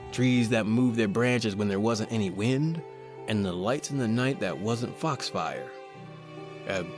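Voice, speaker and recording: A man with a lowish, lightly acted voice and an American accent plays a cocky, wisecracking small-time crook in an old-time radio horror drama. He tells his own eerie tale through first-person narration and dialogue, sounding slangy, colloquial and conversational.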